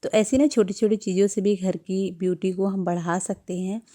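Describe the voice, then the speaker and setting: A woman narrating her home vlog as a voice-over in a gentle, chatty manner, giving homemaking advice to her viewers. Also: medium pitch, steady tone, moderate pace. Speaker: homemaking vlogger.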